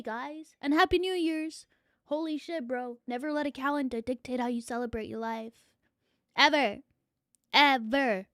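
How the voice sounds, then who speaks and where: A woman's voice: high voice, dry recording, clean studio sound. A young adult woman streaming as a VTuber, chatting playfully with her viewers and swearing casually. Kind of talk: casual livestream chat.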